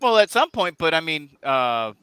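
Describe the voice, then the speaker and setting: A man's voice: fairly high pitch, sing-song, normal speed, bright, forceful tone, smooth. A man co-hosting a casual hobby podcast, a father with a wry, mock-confused manner. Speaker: podcast co-host.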